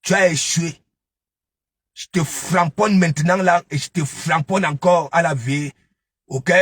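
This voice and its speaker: A man's voice: on the high side, fairly even intonation, a little slow, fairly bright tone, breathy edge, no room sound. A man giving a taunting, scolding commentary, mocking his target and repeatedly asking "hein?". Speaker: online gossip commentator. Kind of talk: ranting live commentary.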